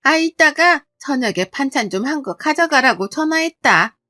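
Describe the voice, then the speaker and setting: A woman's voice: high-pitched, animated, normal speed, sharp tone, no room sound, clean studio sound, voice pushed up. A woman voicing an older mother-in-law who talks in a casual, matter-of-fact way. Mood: offhand.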